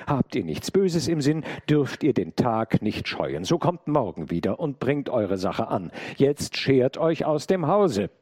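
A man's voice: mid-range voice, sing-song, unhurried, hardly any pauses, a little mellow, husky, no room sound, clean studio sound, voice pushed up. A man voicing a defiant housekeeper woman, stern and firm. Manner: firm, commanding, rising to cries for help.

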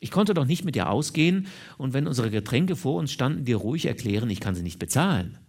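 A man's voice: mid-range voice, very animated, fast talker, darkish tone. A man reading an audiobook and voicing a moody young man who pleads and stammers with his lover. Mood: ashamed. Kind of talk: audiobook character voice.

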